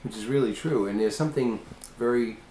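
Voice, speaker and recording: A man's voice: medium pitch, a little fast, a crowd in the background. A man coaching a younger woman in a casual conversation, earnest and emphatic, sometimes acting out quoted voices. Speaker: host, life coach. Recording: roomy, faint ambient noise.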